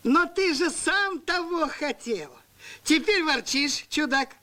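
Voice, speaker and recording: A man narrates a rhyming cartoon tale theatrically, in a very high-pitched, slow, full character voice. He acts out bits of the dialogue, keeping his storytelling expressive throughout.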